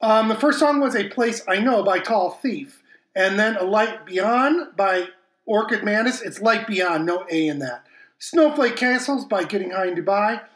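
A man's voice: high-pitched, animated, unhurried, fairly bright tone. A man hosting a music podcast, casually rambling and apologizing through an echoing, reverberating sound from his broken mic setup, with many fillers. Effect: echoey reverberating sound from a broken mic setup. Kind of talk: casual chat introducing songs. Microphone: faulty home podcast mic.

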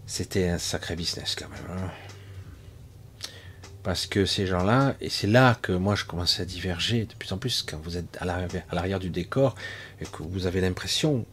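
In a casual spoken monologue on energy healing, a French man addresses listeners directly, conversational and meandering, with plenty of asides and restarts. His low voice has lively intonation, a moderate pace and a slightly bright tone, with a little hiss or hum in the audio.

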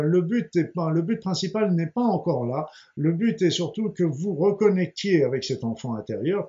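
A man's voice: on the high side, dark tone. A man leading a meditation session, explaining informally in improvised phrasing, often correcting himself. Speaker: guided meditation leader. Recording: dull lo-fi sound with music behind.

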